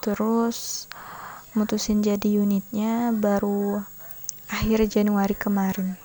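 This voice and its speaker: A woman from Sambas in West Kalimantan recalling when she became a fan, unsure and soft-spoken. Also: medium pitch, level tone, takes it slowly.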